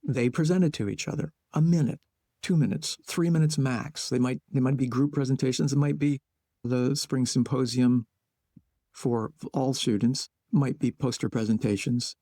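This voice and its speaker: Male guest, playwright-educator type; gravelly, mellow voice; unhurried, reflective interview talk in short thought-out phrases. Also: medium pitch, fairly even intonation, no echo, clean studio sound. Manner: thinks aloud in short measured phrases.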